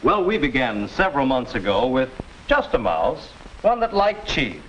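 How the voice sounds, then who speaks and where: An actor playing a patient, middle-aged male teacher, explaining calmly in a 1950s educational film. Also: mid-range voice. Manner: calm, measured explaining. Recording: muffled old film soundtrack with hiss.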